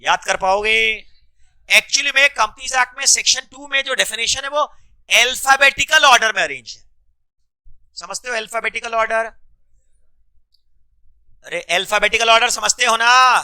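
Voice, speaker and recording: A man teaching a class, drilling students with quick repeated questions and mixing English terms into his Hindi. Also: very high-pitched, pushed and bright, clean tone. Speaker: commerce law teacher. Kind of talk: classroom lecture.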